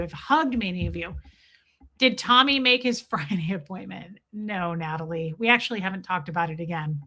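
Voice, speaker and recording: With a bright, forceful, medium-pitched voice, a livestream host from the Southern US near Nashville reads comments aloud and chats casually with viewers by name. She's talkative and restarts herself frequently.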